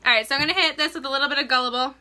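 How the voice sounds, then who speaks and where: A woman's voice: high-pitched, rapid-fire, sharp tone. A young woman chatting casually at home as she walks through a makeup tutorial, joking and saying "like" a lot. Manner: chatty, joking, filler-heavy "like". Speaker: makeup vlogger.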